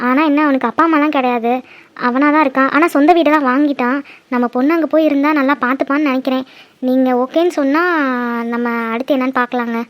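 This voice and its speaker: Brief: cartoon village wife voiced by a woman, gentle, deferential, quick-talking. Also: sits high, fairly even intonation, natural voice. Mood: pleading. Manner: gentle, pleading, deferential to husband. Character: middle-aged village wife and mother. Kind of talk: cartoon drama voice acting.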